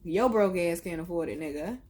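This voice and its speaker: A woman's voice: fairly low pitch, fairly quick, darkish tone. A young woman telling a blunt, profane story in a casual vlog. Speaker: vlogger.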